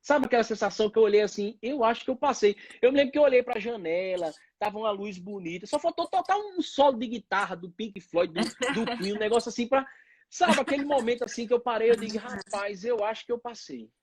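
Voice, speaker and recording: A man's voice: high-pitched, fast. A man, telling his own story as an interview guest, acting out the voices of the people in it. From Northeast Brazil. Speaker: pediatrician guest.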